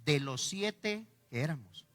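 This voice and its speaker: Animated Guatemalan pastor in an echoey hall. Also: male voice, on the high side, slow pace, soft background music. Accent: Guatemalan Spanish. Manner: animated storyteller acting out dialogue, laughing. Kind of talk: sermon with personal storytelling. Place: church hall.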